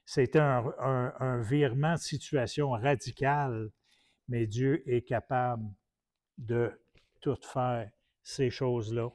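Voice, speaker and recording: A man's voice: mid-range voice, fairly even intonation, slow pace, darkish tone. A man from Quebec with a Québécois French accent, preaching in a colloquial, anecdotal style full of restarts. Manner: colloquial storytelling with many restarts. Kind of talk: anecdotal teaching talk.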